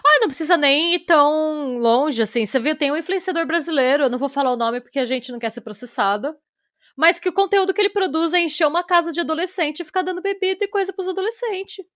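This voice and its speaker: A woman's voice: high voice, fast talker, no echo, clean studio sound. A Brazilian woman co-hosting a true-crime podcast in casual, chatty talk, trailing off now and then. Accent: Brazilian Portuguese. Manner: chatty, lively, trailing off with "sei lá". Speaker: podcast co-host, storyteller.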